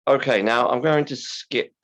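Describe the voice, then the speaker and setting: A man teaching a class in simple, deliberate, emphatic phrases, his voice hoarse, croaky and creaky from a sore throat. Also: mid-range voice, fairly bright tone. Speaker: university English teacher. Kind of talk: scripted-slide lesson explanation.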